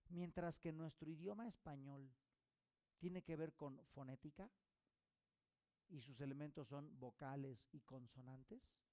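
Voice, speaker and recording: A man teaching a recorded course lecture as a holistic therapy instructor, explaining through rhetorical questions and quick "ok?" check-ins. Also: fairly high pitch, dark tone, dry recording.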